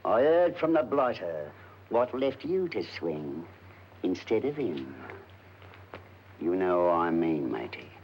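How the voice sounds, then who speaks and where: Sly informer, greedy and mocking, pitch swinging wide; muffled old film audio. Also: male voice, big pitch swings, slow, pauses often, a little hiss or hum, full character voice. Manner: wheedling, mocking, slangy. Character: sly cackling male street informant, greedy. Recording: dull 1940s film soundtrack.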